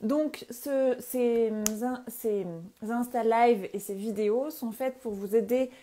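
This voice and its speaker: A woman's voice: fairly high pitch, steady tone, slow pace, mellow. A woman hosting and moderating a live interview, eager, with frequent fillers in her introductions. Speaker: host and moderator.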